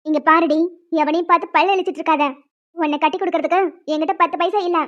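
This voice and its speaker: A woman's voice: very high voice, steady tone, fast, fairly bright tone. A woman voicing a harsh, bossy, middle-aged stepmother who scolds and threatens in a cartoon. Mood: scolding. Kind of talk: cartoon voice acting. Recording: dull lo-fi sound.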